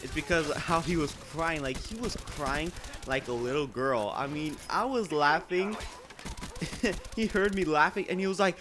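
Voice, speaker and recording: A teenage boy rambles through a story over gameplay, his voice sitting a little high. He leans on filler words and restarts as he talks casually. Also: moderate pace, noisy background. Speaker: gameplay commentator.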